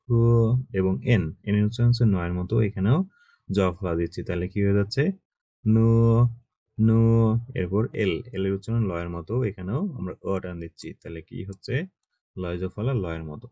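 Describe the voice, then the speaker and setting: Low gravelly man teaching online. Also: quick pace, warm tone, no room sound, lo-fi sound. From Bangladesh. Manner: patient, checks in often with short questions. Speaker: Chinese language teacher. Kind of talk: online class teaching pronunciation.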